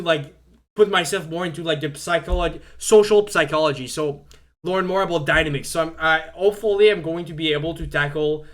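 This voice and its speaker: A young man whose first language is French talks casually on a live stream, rambling with lots of fillers and stumbling restarts. His voice is a little high, pushed and bright.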